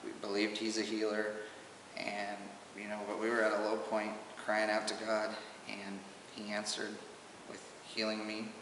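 Recorded with a distant mic on what sounds like an old home camcorder, a man offers a halting, emotional testimony as a father at home. His voice is low and even; the roomy space leaves a long reverb tail, and faint hiss sits beneath.

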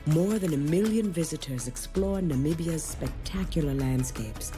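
A woman's voice: deep voice, lively intonation, normal speed, music in the background. A woman reading scripted narration for a nature documentary.

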